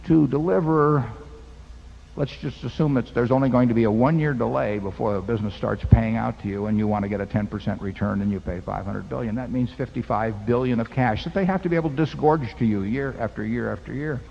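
An older man, the company's chairman, sits at a table mic on a hall stage fielding shareholder questions, patiently laying out investing with simple arithmetic and a homespun parable. His gravelly medium-pitched voice moves fairly quickly, and the dull lo-fi audio has long reverb.

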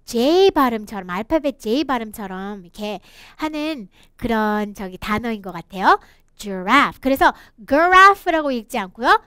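A woman teaching a children's picture-book English lesson, reading slowly and encouraging the kids to repeat after her. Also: a little high, lively intonation, bright, forceful tone, clean tone, no echo, studio quality. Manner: slow, encouraging, sing-song reading with laughs.

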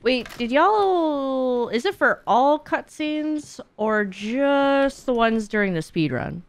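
A young woman with a high-pitched, animated voice speaks slowly, with no room sound. Streaming and speedrunning games from a small home streaming room indoors, she chats candidly into a close microphone, swearing freely and working through her thoughts aloud.

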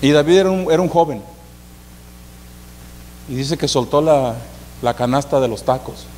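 A pastor in his forties with a fairly high voice preaches, repeating key lines and quizzing his listeners. The sound carries long reverb from a church hall, with a faint hum underneath. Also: moderate pace, a little mellow. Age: 40s. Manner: repetitive, asks the congregation questions. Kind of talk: sermon.

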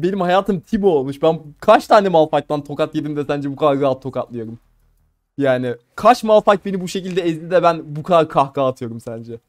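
Playful young male gamer, higher voice. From Turkey. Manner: playful, laughing, talks to the viewers. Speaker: gamer streamer. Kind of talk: live gameplay commentary.

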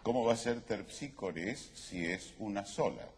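A man's voice: fairly low pitch, normal speed, lightly acted. Male actor: pedantic, self-important professor type, lecturing tone, noisy stage recording. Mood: pompous. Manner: pompous, lecturing. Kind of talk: live comedy sketch.

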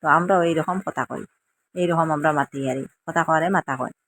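This village lifestyle vlogger, a middle-aged Assamese woman with a Sylheti accent, chats homily in her kitchen while cooking and explaining words from her dialect, repeating them for emphasis. Her low-pitched voice is fairly bright and a little fast, with slight hiss or hum.

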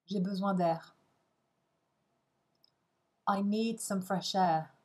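Woman, language teacher, reading phrase pairs one by one, very slow and measured, mid-pitched. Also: steady tone, mellow, low-quality recording. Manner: short isolated phrases, each followed by its translation.

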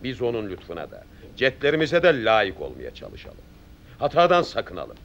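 An actor playing a stern, resolute middle-aged army captain, speaking in measured, authoritative, oratorical sentences in a period film. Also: male voice, mid-range voice, wildly swooping pitch, gravelly, fairly bright tone, lo-fi sound, heavily acted. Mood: solemn, resolute. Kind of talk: period film drama acting.

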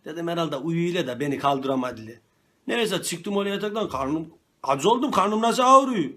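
A man's voice: a little high, lively intonation, normal speed, fairly bright tone. A man in a comedy sketch complaining in colloquial regional speech.

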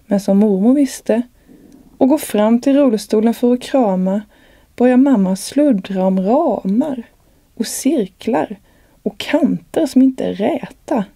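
A woman, the author, reading aloud from her own novel in a calm, measured way. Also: on the high side, no room sound.

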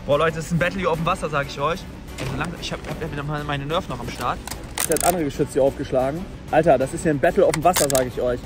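A young man vlogging from a boat on cold water, loud and exclaiming to his viewers, freezing and shivering. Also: on the high side, rapid-fire, over music. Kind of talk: excited outdoor challenge vlog.

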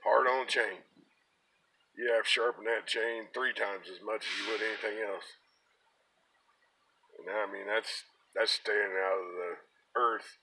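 A man's voice: fairly low pitch, steady tone, a little slow, long pauses, bright, forceful tone, slightly rough, rough recording. An American man in his fifties rambling casually in a folksy, plain-spoken way. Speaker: pipe-smoking vlogger. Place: inside a parked car. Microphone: phone at arm's length.

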